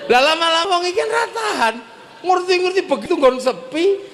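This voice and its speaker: A man preacher with a Javanese accent telling a humorous story in a sermon, animated and laughing often. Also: very high-pitched, fairly quick, slight background noise.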